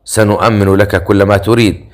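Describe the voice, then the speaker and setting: A man's voice: fairly low pitch, brisk, natural voice. A man doing a cold, menacing warrior. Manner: flat, icy, threatening.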